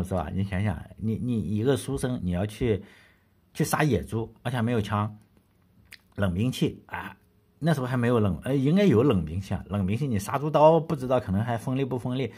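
A man's voice: lowish voice, a little mellow, husky. A man hosting a history podcast, telling the story in a blunt, colloquial way that is full of rhetorical questions and casual swearing.

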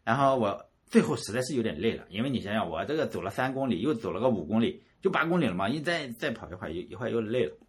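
A man from rural Shandong telling a personal story in a casual, animated way. He often repeats words and chuckles at himself. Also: on the low side, very fast, few pauses, husky. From Shandong, rural China.

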